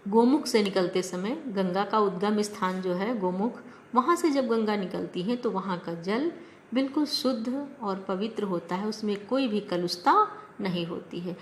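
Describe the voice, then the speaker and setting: A woman's voice: medium pitch, slight background noise. A woman teacher reciting verses of a poem and explaining them line by line in a lesson.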